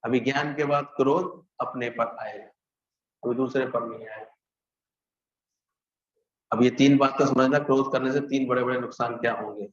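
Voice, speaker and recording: A man giving a spiritual discourse, talking conversationally, asking rhetorical questions and acting out loud and hushed voices. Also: mid-range voice, fairly even intonation, normal speed, long pauses, a little hiss or hum. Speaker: spiritual teacher. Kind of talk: Hindi satsang discourse. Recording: echoey, dull lo-fi hall recording.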